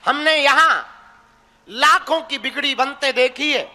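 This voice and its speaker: A man's voice: extremely high pitch, measured pace, sharp tone, in a large hall. A man preaching a devotional sermon to a crowd, teasing and blunt, speaking straight at his listeners. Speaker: spiritual preacher.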